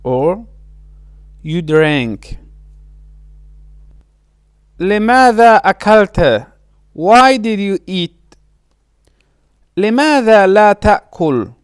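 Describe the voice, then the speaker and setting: Male language teacher, very slow deliberate delivery, high voice, dry close recording. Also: expressive, smooth, no room sound. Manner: slow, careful pronunciation with repeated words.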